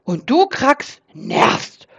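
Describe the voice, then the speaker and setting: Grouchy storybook boar, gruff and slow, voiced by a woman. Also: muffled recording. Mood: grumpy. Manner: gruff, grumbling. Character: grumpy male wild boar, grunting.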